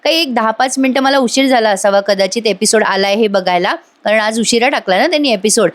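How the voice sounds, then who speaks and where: Woman, serial recap voice-over, chatty, fairly high voice, addresses viewers. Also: brisk. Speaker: TV serial reviewer.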